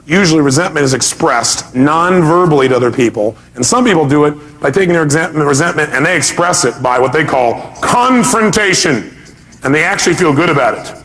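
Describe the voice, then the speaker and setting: Heard on a low-quality recording, a man with a slightly high, fairly bright voice runs a motivational seminar at a brisk clip with lively intonation. He stresses his points emphatically, repeats them, poses rhetorical questions, and acts out reactions.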